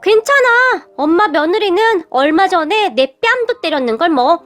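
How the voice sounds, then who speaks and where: Female reader doing a spoiled, whiny sister-in-law, high and shrill. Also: lively intonation, normal speed, fairly bright tone, soft background music. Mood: blurting. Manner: shrieking, whiny, tearful.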